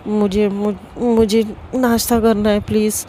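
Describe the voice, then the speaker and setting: A sulky, sharp-tongued young woman, put on by a female storyteller. She talks back to her family in short, cutting lines with a mellow, darkish tone. It is a storybook reading, plainly voiced. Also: medium pitch, level tone, slow pace, slight background noise, close to an everyday voice. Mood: irritated.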